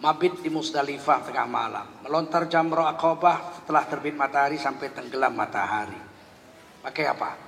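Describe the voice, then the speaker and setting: A man preaching, telling a humorous story with lively dialogue and then teaching. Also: medium pitch, fairly quick, creaky. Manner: lively anecdotal telling, acting out both sides of dialogue. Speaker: Islamic preacher. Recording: long hall reverb, faint background noise.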